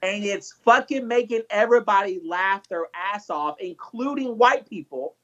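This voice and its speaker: A man's voice: high-pitched, moderate pace, a bit bright. A man co-hosting a casual livestream, blunt and ranting, swearing freely. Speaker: co-host. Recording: dull lo-fi audio.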